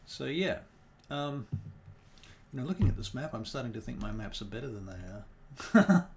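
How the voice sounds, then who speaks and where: A tired New Zealand man with a mid-range, sing-song voice chats casually on a livestream while working as a dungeon master. He thinks aloud, mutters and hums to himself, and deliberately puts on a non-native accent that isn't his own.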